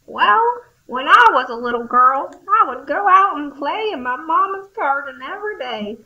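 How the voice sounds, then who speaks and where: A woman's voice: high-pitched, lively intonation, normal speed, muffled recording. A woman voicing a sweet, frail old woman who speaks tenderly in an amateur audio drama. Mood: wistful. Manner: tender, heartfelt storytelling.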